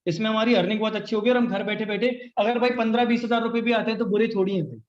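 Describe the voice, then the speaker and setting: A young man with a fairly high voice leads a live online sales training. He coaches with energy and switches into quick sample conversations. His voice sounds roomy and a little dull, like live-stream audio. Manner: energetic, coaching, acts out both sides of sample chats.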